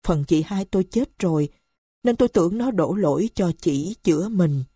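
A woman's voice: on the low side, expressive, normal speed, mellow, husky, dry recording, clean studio sound. A woman voicing a rash young husband full of grief and remorse, pleading and tearful. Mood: remorseful.

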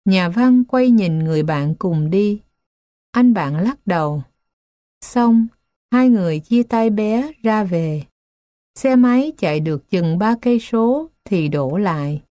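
A woman reading children's stories aloud as scripted narration, with a slow, gentle storybook manner. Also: mid-range voice, animated, dry recording.

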